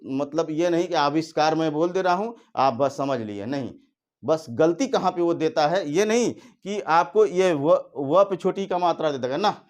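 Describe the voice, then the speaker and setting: Man teaching grammar at a board. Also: a little high. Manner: repeats key definitions slowly for emphasis; addresses students directly with instructions. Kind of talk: exam-prep grammar lesson at a board.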